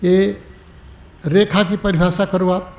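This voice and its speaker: A man giving an evening spiritual discourse as a teacher, calling his listeners "my dear" and "my brother", moving between rising exhortation and soft, slowed asides. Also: high-pitched, little pitch movement, roomy sound.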